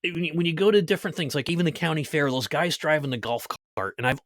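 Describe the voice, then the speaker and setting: A man hosting a podcast, telling stories in a lively casual way and laughing at his own jokes. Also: on the high side, quick pace, no echo, studio quality. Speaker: podcast host. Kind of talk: casual chat.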